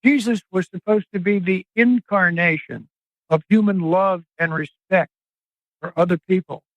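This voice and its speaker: An older man speaking as an investigative reporter and guest, in an earnest, emphatic interview monologue with drawn-out phrasing. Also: high-pitched, no echo. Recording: dry, slightly dull podcast audio.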